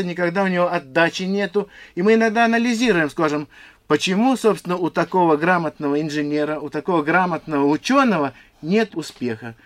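Earnest man in his fifties explaining. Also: sits high. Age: 50s. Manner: earnest, explanatory, a little halting. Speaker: institute director. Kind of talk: answering interview questions.

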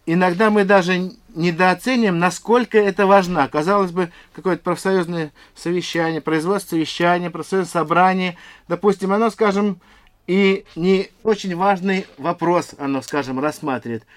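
Fifty-something guy, kinda higher voice, earnest and explains things slowly, halting a bit. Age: 50s. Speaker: institute director. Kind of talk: answering interview questions.

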